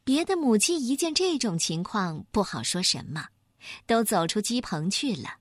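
A woman narrating a children's story in an expressive, animated way. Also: medium pitch, moderate pace, no room sound, studio quality.

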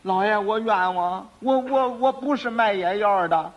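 A man's voice: high voice, fairly even intonation, brisk, lo-fi sound. A man with a Beijing accent playing an elderly quack medicine seller who stammers and pleads. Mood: pleading. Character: elderly male quack selling fake medicine, fawning.

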